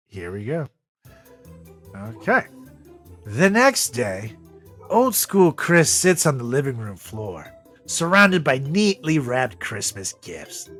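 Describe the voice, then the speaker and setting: Fairly bright in tone and medium in pitch, this man hosts a comedy podcast where he alternates easy banter with reading a funny story. Music plays in the background of an echoey room.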